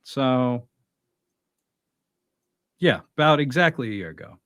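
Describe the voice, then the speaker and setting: A man's voice: mid-range voice, lively intonation, slow pace, fairly bright tone, smooth, no echo, studio quality. A young man hosting a show, reacting to a clip with sarcastic, mocking commentary. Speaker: host.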